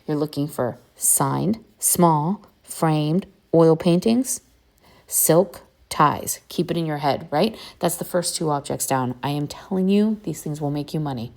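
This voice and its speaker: A woman's voice: deep voice, a little slow, gravelly, darkish tone. A woman hosting a casual how-to video, chatty and eager, talking straight to her viewers. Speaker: vintage reseller host. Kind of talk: casual how-to talk to camera.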